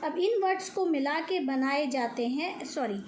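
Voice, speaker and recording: A woman tutor walks through a phonics lesson in a bright, high voice. She takes her time, sounding out every letter carefully. She pauses after each point to check that it has landed. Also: lively intonation, a little hiss or hum. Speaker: English tutor.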